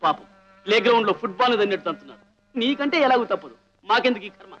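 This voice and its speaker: A sarcastic, slighted friend. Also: male voice, extremely high pitch, animated, rapid-fire, a bit bright, soft background music. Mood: offended. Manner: sarcastic, offended. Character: sarcastic insulted young friend. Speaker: friend of the son-in-law. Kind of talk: film melodrama acting. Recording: dull old film soundtrack.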